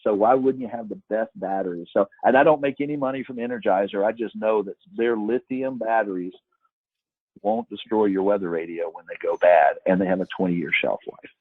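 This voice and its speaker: A man with a fairly low voice answers questions as a guest expert in an informal webinar, speaking fairly quickly and giving emphatic advice. The dry, echo-free audio has a tinny, phone-line sound.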